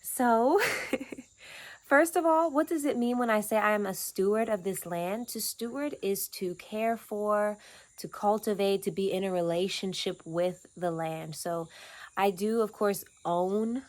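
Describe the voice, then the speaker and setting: A woman in her twenties from Atlanta talks in a casual, earnest, reflective vlog about the off-grid cabin where she lives, speaking in short, unhurried phrases. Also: mid-range voice. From Atlanta, Georgia, USA. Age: 20s. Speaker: vlogger and land steward. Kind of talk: casual personal vlog talk.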